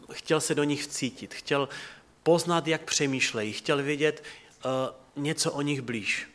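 Male pastor in his thirties, slightly high-pitched, earnest conversational sermon delivery that sinks to hushed tones. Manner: earnest and conversational, dropping to soft quiet tones. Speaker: preacher.

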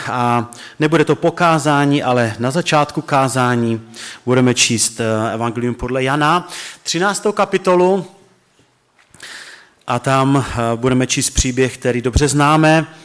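A man preaching a sermon and reading scripture aloud, earnest and reverent, slowing and dropping low on key words. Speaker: pastor.

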